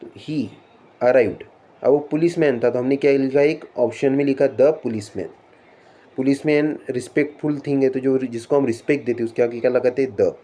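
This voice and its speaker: मराठी लहजे वाला एक आदमी अंग्रेज़ी व्याकरण की कक्षा पढ़ाता है, अंग्रेज़ी नियम धीरे-धीरे पढ़ता है और फिर हिंदी में सवाल पूछकर समझाता है।. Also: male voice, mid-range voice, steady tone, warm tone. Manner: reads English rules slowly, then explains in Hindi with rhetorical questions. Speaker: English teacher. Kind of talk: classroom lesson explaining punctuation.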